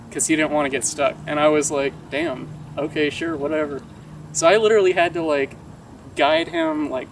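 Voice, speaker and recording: A young American man casually telling an anecdote, swearing freely and animatedly acting out quoted dialogue. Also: fairly high pitch. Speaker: vlogger telling a story. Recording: distant mic, clear outdoor traffic noise.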